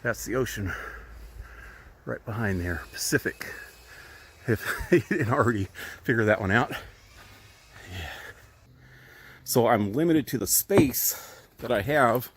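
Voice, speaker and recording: Filmed on a handheld camera, a hobby woodworker gives a chatty, meandering tour of his tiny outdoor workshop at an RV park among trees, full of ums and self-corrections. He sounds a little out of breath and speaks slowly with long pauses, his medium-pitched voice lively in intonation. Slight background noise is present.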